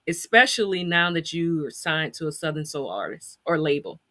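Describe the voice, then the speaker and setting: A woman hosting a conversational interview, asking measured questions and affirming her guest. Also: deep voice, big pitch swings, pushed and bright. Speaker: interview host.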